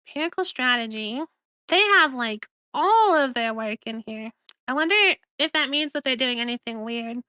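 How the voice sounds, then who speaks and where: A woman streamer speaks in a cute, anime-like voice that sits very high and sounds bright. She muses aloud in casual commentary, moving between reading and reacting. The sound is close and dry. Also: smooth, no room sound. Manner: musing, thinking aloud.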